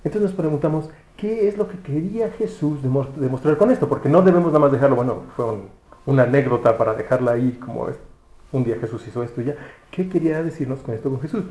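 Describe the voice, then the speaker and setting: A man's voice: mid-range voice, quick pace, mellow, echoey room, rough recording. A man preaching a conversational sermon, often restarting words and asking rhetorical questions. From Mexico. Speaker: pastor.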